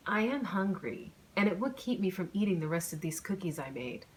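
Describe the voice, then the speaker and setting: A woman's voice: on the low side, lively intonation, brisk, slight background noise, close to an everyday voice. A woman voicing a skeptical, teasing young woman being asked on a date. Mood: teasing wary. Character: wary, amused young woman, teasing but hesitant.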